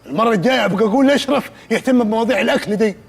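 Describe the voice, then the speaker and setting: A high, gravelly Upper Egyptian village boss who jeers and scolds at top speed. His voice leaps all over in sitcom bluster, with faint music under it. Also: rapid-fire, noisy background. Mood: mocking. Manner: scolding, sarcastic, insulting. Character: bossy loud male village head, mocking. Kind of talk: sitcom acting.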